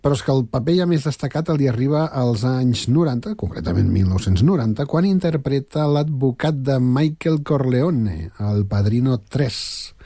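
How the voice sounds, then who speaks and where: A man's voice: mid-range voice, expressive, normal speed, few pauses, dark tone, no echo, clean studio sound. A man co-hosting a radio show, explaining background facts in a casual tone. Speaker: radio co-host.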